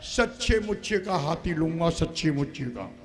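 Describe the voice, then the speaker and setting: A man playing a saint who tells a lively parable, acting out a crying child, and gently refuses a request. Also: on the high side, normal speed, a crowd in the background, natural voice. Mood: storytelling. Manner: animated storyteller, acts out voices. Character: wise saint, storytelling elder. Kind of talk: folk stage play.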